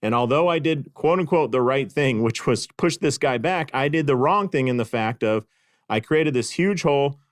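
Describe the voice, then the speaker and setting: With lively intonation and a moderate pace, a middle-aged man with a mid-range voice hosts his podcast, telling a casual story laced with self-deprecating jokes and frequent fillers. He's also a clinic consultant, and the podcast-mic recording is dry and studio quality.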